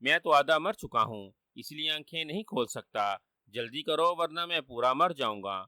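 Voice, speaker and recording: A man's voice: on the high side, lively intonation, pushed and bright, no echo, studio quality. A man voicing a wily trickster who fakes dying, whining and sly.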